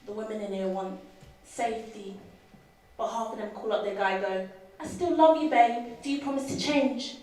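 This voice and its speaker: A woman's voice: on the high side, moderate pace, darkish tone, lightly acted. A woman playing a blunt, scornful young female prisoner, on stage in an echoey theatre. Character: tough young female prisoner, angry at men. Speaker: actor in a student stage play. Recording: echoey theatre, mic far off.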